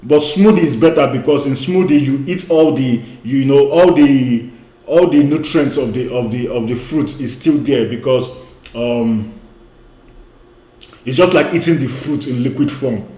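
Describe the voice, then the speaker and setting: A man who grew up speaking Igbo gives an emphatic online lecture as a weight-loss coach, repeating his key points and often saying "you know." His mid-range voice is mellow and unhurried, and the room sounds echoey.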